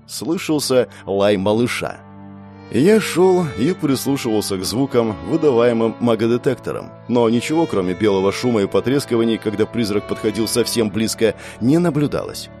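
A man narrating a first-person audiobook in a wry, expressive storytelling manner. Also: on the low side, moderate pace, faint music behind.

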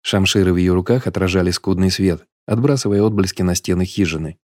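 A man narrating an audiobook in a steady, measured storytelling manner. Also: low voice, dry recording, clean studio sound.

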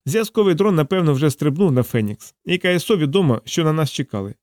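A man's voice: fairly high pitch, animated, fast, darkish tone, no echo, voice pushed up, close to an everyday voice. A man voicing a wry, gloomy male soldier-physicist in an audiobook, with a dry, grumbling delivery.

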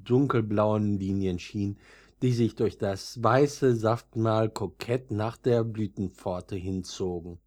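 A man reading a classic storybook aloud in a measured, expressive way. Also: fairly low pitch. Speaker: audiobook reader. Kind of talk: scripted storybook narration.

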